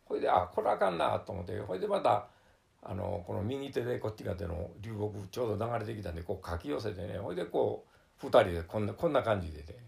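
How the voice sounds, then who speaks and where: Gravelly older man with Kansai accent. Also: fairly low pitch, lively intonation, fast talker, darkish tone. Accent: Kansai Japanese, Wakayama dialect. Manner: vivid storytelling with sound words, many fillers. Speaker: flood survivor recounting his experience. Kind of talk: oral history testimony.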